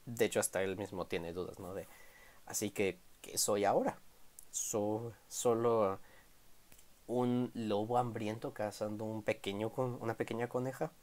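A man's voice: fairly low pitch, darkish tone. Rambling man reviewing manga. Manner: rambling, stammers and self-corrects.

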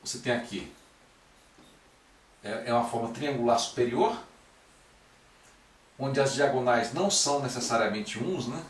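A man walks through calculations one step at a time. He often pauses to check in with the class. His voice sits at a middle pitch and echoes around the room from a distance, with a faint noise underneath. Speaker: math teacher. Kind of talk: recorded classroom-style lecture.

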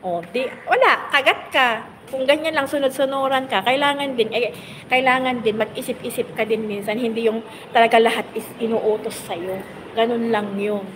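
A woman's voice: on the high side, moderate pace, big-room sound, noisy background. A woman chatting casually on a phone live stream, reading out viewer comments, laughing often and rambling with many fillers. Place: on the road, in a vehicle.

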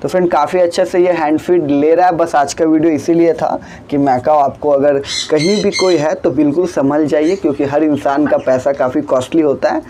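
Young male vlogger in his twenties, high-pitched and chatty, friendly how-to delivery, slight room noise. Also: steady tone, fairly quick, hardly any pauses, dark tone. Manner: chatty, repeatedly addresses viewers as friend. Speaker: bird farm owner. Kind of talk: casual how-to vlog. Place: small room with blue walls, indoors.

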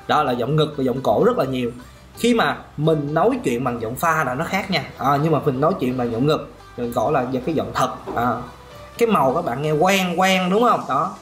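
A man teaching singing in a lively question-and-answer lesson, often chuckling and demonstrating voices. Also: on the high side. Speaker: vocal coach. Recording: roomy room with faint music.

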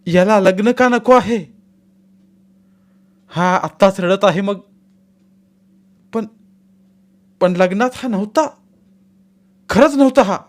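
A man voicing a bewildered, frightened young bride in a storybook reading, pitching his voice up high. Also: expressive, moderate pace, long pauses.

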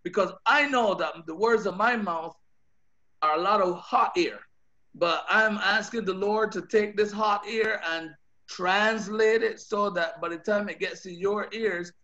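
A high-voiced man with a Bajan accent preaches a sermon over a video call, a little slow, his voice pushed and bright. He's an earnest pastor who often repeats words as he builds his points. The audio is dull and lo-fi.

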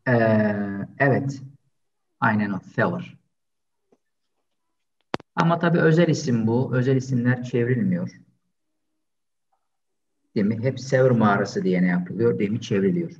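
A man teaching an online language lesson, slowly drilling pronunciation and patiently repeating each word several times. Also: on the low side, darkish tone. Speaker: Arabic teacher. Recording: distant, dull lo-fi sound.

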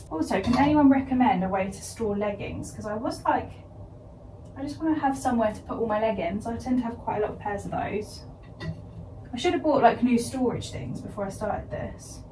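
A woman's voice: on the high side, husky, poor audio. A woman chatting casually to her phone camera while sorting her bedroom, rambling and self-deprecating. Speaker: home vlogger. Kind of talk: casual vlog chat to camera. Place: bedroom at home, indoors.

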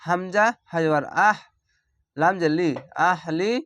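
This young man from Bangladesh teaches Quran reading with a Bangladeshi Bengali accent, slowly spelling out each word letter by letter and stretching the recited words. He speaks at a slow pace in a voice on the high side with a fairly bright tone. Recorded close to the mic, the audio is dry and dull.

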